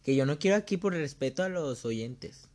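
A man's voice: a little high, moderate pace. Slangy young Mexican man telling a story. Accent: Mexican Spanish. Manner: slangy, animated, acts out quoted lines. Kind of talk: casual storytelling chat.

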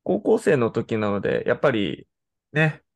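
A man co-hosting a casual podcast, telling a story to friends in mock-polite phrasing, often pausing on filler words. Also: medium pitch, big pitch swings, creaky. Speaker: co-host of a hobby podcast.

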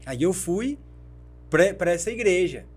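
This Brazilian man, a guest and the founder of a fashion brand, has a high-pitched, husky voice and talks a little slowly. In the interview he narrates his life story in an animated way, acting out the voices of people he quotes.

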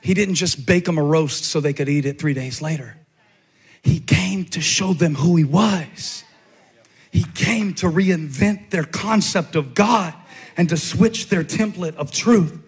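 A man preaching a sermon as a pastor, in a rhythmic style that stacks repeated phrases and climbs to shouts. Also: fairly high pitch, unhurried, husky.

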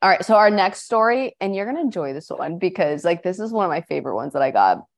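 A woman's voice: fairly low pitch, very animated, fast talker. Chatty woman podcast host reading stories. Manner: chatty, reads listener stories aloud with asides. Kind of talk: casual podcast chat.

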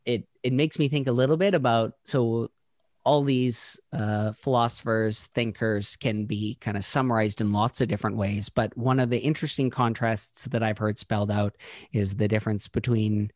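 A man's voice: lowish voice, steady tone, darkish tone, dry recording. Thoughtful man musing aloud, very dry sound. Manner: thoughtful, halting, many restarts and fillers. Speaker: podcast co-host. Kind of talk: casual conversational discussion.

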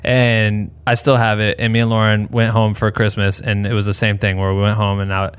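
A man's voice: lowish voice, little pitch movement, a little fast, smooth. A young man hosting a podcast, chatting casually and rambling in slang, laughing often. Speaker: podcast host. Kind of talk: casual podcast chat with ad read.

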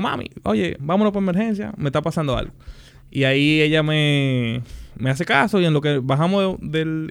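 A young man, a podcast guest, telling his story in a relaxed, animated and joking way. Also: on the high side, clean tone. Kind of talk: casual interview conversation.

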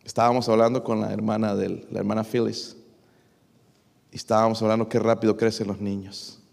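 A man's voice: flat delivery, a little fast, gravelly, darkish tone. Male preacher in an echoing church. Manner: reads scripture aloud, rising in pitch and force on verses; addresses congregation as brothers, with frequent rhetorical questions. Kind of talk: sermon.

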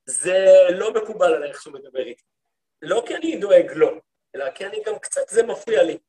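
Higher-voiced man giving a lively lecture. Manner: lively storytelling, acts out quoted speech; talks to the listeners, asks them questions. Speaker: rabbi teaching a class. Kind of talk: lecture to a women's study group.

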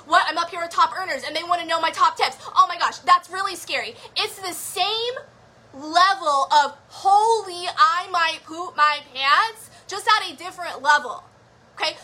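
Energetic woman host, very high and bright-toned, emphatic motivational coach on a live stream. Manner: energetic, emphatic, quick asides with laughs. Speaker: show host, business mindset coach. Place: indoor room, streaming live.

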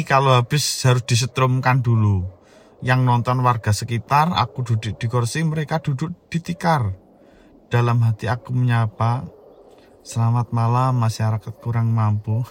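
A man in his thirties with a Javanese accent recounts a childhood ghost story. His voice sits at an ordinary middle pitch. He keeps it lively and joking, dropping to a hush for the scary parts and jumping up again for the punchlines. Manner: animated, jokey, swings between hushed and loud. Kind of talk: casual horror storytelling.

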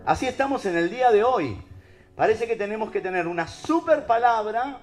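Animated Rioplatense preacher, lively pitch. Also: male voice, moderate pace, soft background music. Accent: Rioplatense Spanish. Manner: animated, rhetorical questions to the audience. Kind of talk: preaching talk.

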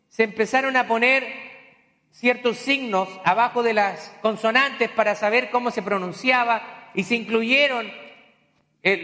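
Pastor delivering a teaching sermon in a church sanctuary, man, bright tone, homely asides. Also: high voice, long reverb tail. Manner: teaching, explains terms with folksy asides.

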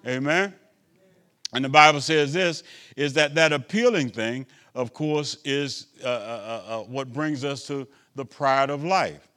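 A male bishop preaching a sermon, asking "Amen?" of the congregation, swinging between loud emphatic lines and quiet asides. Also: medium pitch, unhurried. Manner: preaching with call-and-response asides.

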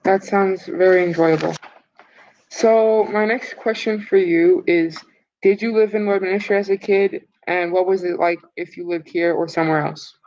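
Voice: medium pitch, fairly even intonation, moderate pace, a little mellow, muffled recording. A student interviewer politely reads out prepared questions.

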